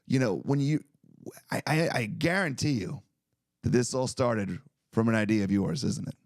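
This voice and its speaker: A podcast host on a video call with a low, gravelly voice. He rambles with enthusiasm. The sound is dry. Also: moderate pace, no echo. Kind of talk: casual chat.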